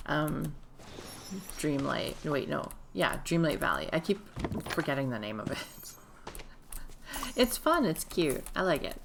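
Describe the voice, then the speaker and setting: A woman streamer, hoarse and losing her voice, chatting casually while playing a game at home. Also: low voice, very animated, measured pace, a little hiss or hum. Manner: chatty, rambling, self-interrupting. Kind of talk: casual live gameplay commentary. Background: game music.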